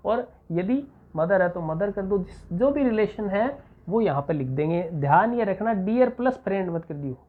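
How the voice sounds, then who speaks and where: A male teacher with a Rajasthani accent walks students through an exam answer step by step, dictating slowly and often stopping to ask whether it is clear. The recording is thin and tinny, as if captured over a phone line. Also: high voice. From Rajasthan, India. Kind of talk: exam-prep lesson.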